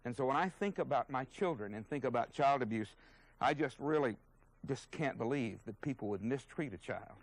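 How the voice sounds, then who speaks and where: A man's voice: medium pitch, lively intonation, normal speed, dry recording, rough recording. A man teaching a sermon as a Bible teacher, earnest and emphatic, openly indignant at his subject.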